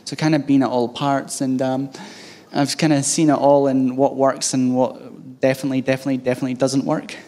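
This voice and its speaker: A man's voice: medium pitch, level tone, fairly quick, warm tone. A man with a thick, broad Scottish accent gives an informal tech talk to an audience, in a loose, hesitant, conversational way. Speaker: conference speaker, head of DevOps at a bank.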